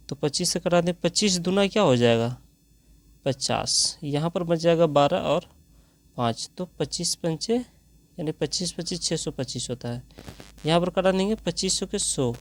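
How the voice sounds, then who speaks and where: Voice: mid-range voice, expressive, moderate pace, no echo. Teacher. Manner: talks through each step, asking rhetorical questions. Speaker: math teacher. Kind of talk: step-by-step math lesson.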